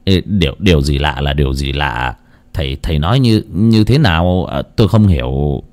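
A man's voice: extremely low pitch, expressive, moderate pace, a little mellow, pitched below the performer's own voice. A man doing a stammering, flustered man. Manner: stammering, hesitant. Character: flustered, timid middle-aged man.

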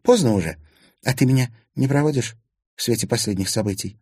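A man reading an audiobook, voicing a hot-tempered, jealous young sorceress with sharp, scornful retorts. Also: medium pitch, fairly quick, husky, dry recording, clean studio sound, voice pushed up, natural voice. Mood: scornful, indignant. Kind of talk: audiobook character voice.

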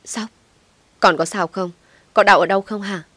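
A woman's voice: medium pitch, steady tone, normal speed, fairly bright tone, husky, no room sound. A woman voicing a young mother, tearful and frantic with worry for her child, in a storybook reading. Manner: tearful, urgent.

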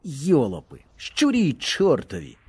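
A man's voice: mid-range voice, wildly swooping pitch, normal speed, breathy edge, heavily acted. A man voicing a hot-tempered young male soldier who barks in a raised, bitter voice. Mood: angry, scornful. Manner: barking, raised voice.

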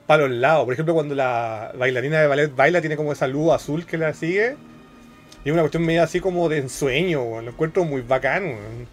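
A man with a Chilean accent and a somewhat high voice chats casually on a podcast. He talks with enthusiasm and a lot of slang. He often stumbles and restarts his sentences. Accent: Chilean Spanish. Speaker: podcast co-host. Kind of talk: casual chat.

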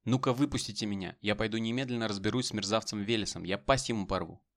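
A man's voice: fairly low pitch, fast, natural voice. Man doing a blustering pompous politician. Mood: furious. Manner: blustering, shouting, bullying. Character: pompous hot-tempered middle-aged male politician.

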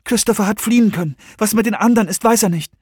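A man's voice: high-pitched, animated, normal speed, breathy edge, no room sound, clean studio sound, pitched above the performer's own voice. A man voicing an alarmed young woman speaking hastily on the phone in an audiobook. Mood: urgent. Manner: hasty, urgent. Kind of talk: audiobook character voice.

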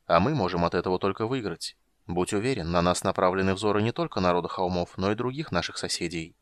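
A man voicing a calm old dwarf advisor. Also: sits low, no room sound, clean studio sound, lightly acted. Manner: slow, respectful, measured.

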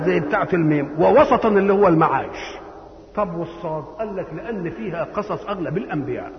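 A man's voice: high voice, echoey room, big-room sound, highs cut off, a little hiss or hum. A man with an Egyptian Arabic accent gives a Quran commentary lecture, teaching through rhetorical questions and acted-out imagined dialogue. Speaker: religious scholar.

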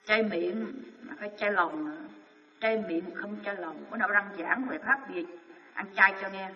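A man's voice: high-pitched, normal speed. A man giving a Buddhist sermon, firing rhetorical questions and answering them himself with emphasis. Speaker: Buddhist dharma teacher. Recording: dull, echoey hall recording from far off.

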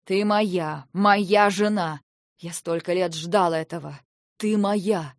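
A woman voicing a cold, possessive husband of an ancient race, speaking low and menacing with a hiss in his voice. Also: a little slow, creaky, darkish tone, no echo, studio quality. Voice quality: hissing, menacing.

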